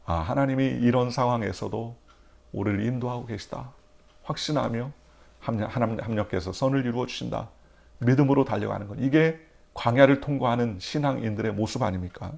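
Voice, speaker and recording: A man preaching an early-morning sermon in a church, asking the congregation questions and answering them himself, swinging between loud emphatic lines and near-whispers. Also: mid-range voice, a little fast, creaky. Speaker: pastor.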